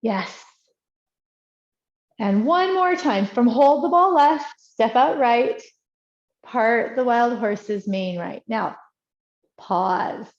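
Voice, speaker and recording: A woman teaching tai chi, giving calm, encouraging movement cues in short, unhurried phrases. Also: on the high side. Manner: encouraging, praising as she guides. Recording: dull, echoey room sound.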